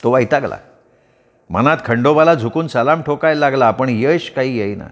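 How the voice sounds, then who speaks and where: A man's voice: mid-range voice, moderate pace. A man giving a vivid, dramatic storytelling reading of a rural novel. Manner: vivid, expressive narration. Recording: long hall reverb.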